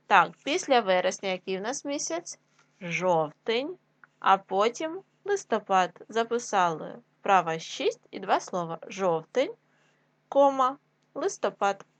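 Woman schoolteacher, slow and deliberate dictation, dry close sound. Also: on the high side, no echo. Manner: drills word pairs, rising on each choice and dropping on the answer; slow and deliberate, with pauses for writing. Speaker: primary school teacher. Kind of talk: dictation-style lesson.

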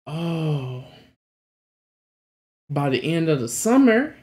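Slow-paced young man with animated pitch. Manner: slangy, exclamatory, swearing. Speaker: reaction video host. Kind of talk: casual reaction commentary. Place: small indoor room at home.

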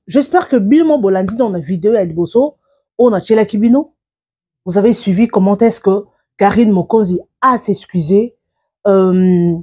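A woman's voice: medium pitch, dark tone, husky. A woman giving casual, rambling commentary as a celebrity news vlogger, often repeating and restarting her words.

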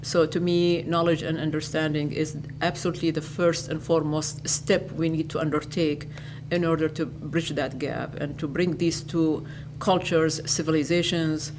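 An older woman from Iraq, an educator giving interview answers in a lecture hall, speaking in a measured way and restating her phrases. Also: deep voice, noisy background.

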